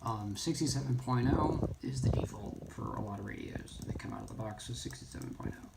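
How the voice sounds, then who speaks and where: With a gravelly, medium-pitched voice, a man leads an unscripted screen-demo tutorial as a radio how-to instructor. He pauses and thinks out loud between steps, and the background is noisy with keyboard typing and clicks.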